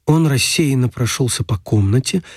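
A man narrating a story in a steady storytelling manner. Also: mid-range voice, a little hiss or hum. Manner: steady storytelling, brisk past-tense narration.

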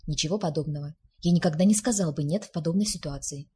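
A flustered young man who sulks and grumbles in his own defence, as a woman reads him. The voice is low and very breathy, a storybook reading of a sheepish gentleman. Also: fast. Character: flustered young man, sulky, self-mocking.

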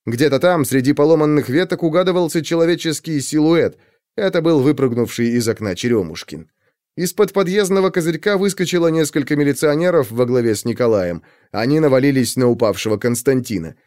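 A man narrating a crime story as a scripted audiobook, in an expressive, dramatic way. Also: fairly high pitch, a little fast, no echo, clean studio sound.

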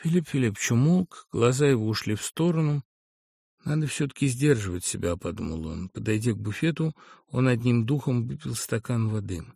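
A man narrating a literary audiobook in a measured, expressive storytelling manner. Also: medium pitch, creaky, husky, dry recording, clean studio sound.

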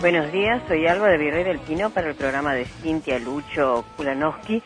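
A woman's voice: sits low, brisk, soft background music. Female caller, hesitant and polite, radio message. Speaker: listener caller. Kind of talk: recorded listener message.

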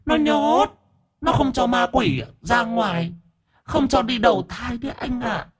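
Whiny bald ghost, high and tearful. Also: male voice, lively intonation, measured pace, husky, heavily acted. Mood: plaintive. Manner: plaintive, sniffling, complaining. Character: whiny effeminate bald male ghost, sharp-tongued.

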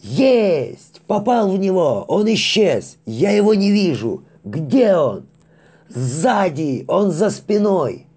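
A man doing shrill hysterical sailors. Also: very animated, slow pace, darkish tone, breathy edge, heavily acted. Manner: screaming in terror, shrill. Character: panicked superstitious sailors, hysterical men.

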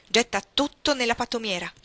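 A woman reading the part of a proud, sharp-tempered young countess in an audiobook, giving commands in an imperious tone. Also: a little high, animated, fairly quick, dry recording, voice pushed up. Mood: commanding.

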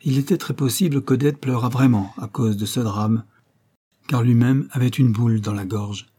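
A man reading a novel aloud as an audiobook narrator, steady and measured. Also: mid-range voice, husky. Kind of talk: scripted narration.

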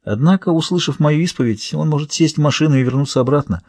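A man voicing an earnest, remorseful woman in a thriller audiobook, reading her lines in a gentle, persuasive way. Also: fairly high pitch, quick pace, no room sound, pitched above the performer's own voice. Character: remorseful woman reaching out to a friend.

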